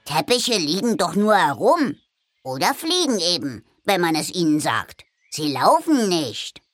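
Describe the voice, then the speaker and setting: A woman's voice: lowish voice, very animated, measured pace, no echo, clean studio sound, soft background music. A woman voicing a cheeky, cocky male cat-bear creature in a storybook reading, with a bossy manner.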